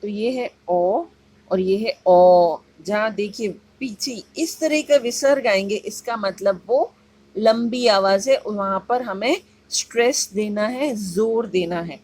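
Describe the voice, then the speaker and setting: A woman's voice: mid-range voice, a little mellow, husky. A woman English teacher, giving a classroom-style phonetics lesson and stretching out each vowel and word as she says it. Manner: drawn-out, emphatic sounding of vowels and words.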